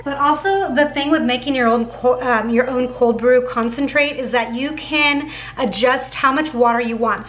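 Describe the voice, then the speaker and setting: A woman with a high voice and a slight lisp talks viewers through a recipe in a relaxed vlog. She is chatty and loose, filling her sentences with "like" and calling her viewers guys. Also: noisy background. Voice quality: slight lisp from dental aligners. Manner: chatty, addresses viewers as guys, many fillers like 'like'. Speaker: cooking vlogger. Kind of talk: casual kitchen vlog chat.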